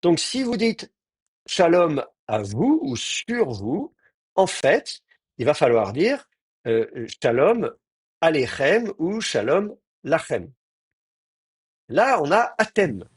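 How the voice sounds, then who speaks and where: Male teacher, husky voice, dry close recording, hesitant explanatory delivery. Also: fairly high pitch, big pitch swings, takes it slowly, pauses often, no room sound. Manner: explanatory, hesitant with many fillers. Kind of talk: online class lecture.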